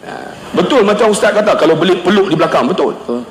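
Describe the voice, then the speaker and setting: A middle-aged male preacher speaks loudly to an audience and acts out the people in his anecdotes. His voice sits high for a man and swings widely in pitch. The sound rings with the long, roomy echo of a large hall. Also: very fast. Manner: loud, animated storytelling with voiced quotes. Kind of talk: humorous religious lecture. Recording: echoey hall, long reverb.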